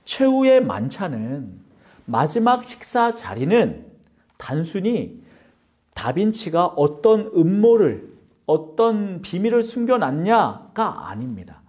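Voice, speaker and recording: A man's voice: high-pitched, big pitch swings, slow pace, darkish tone. A male pastor preaching a Sunday sermon in a dramatic style, firing rhetorical questions at the congregation and acting out quoted lines.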